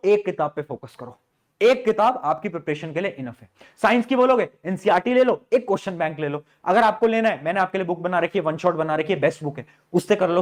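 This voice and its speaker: A man with a high voice talks students through a study plan like a teacher, asking a question and answering it himself. He is informal and direct and calls them "beta". His delivery stays coaxing and plain, aimed straight at the class. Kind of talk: study-planning advice to students.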